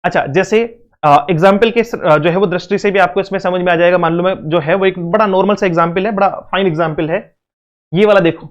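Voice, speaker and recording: A man's voice: high voice, steady tone, brisk, dull audio. Man teaching with rhetorical questions. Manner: repetitive, rhetorical questions, Hindi-English mix. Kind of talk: exam-prep literature lesson.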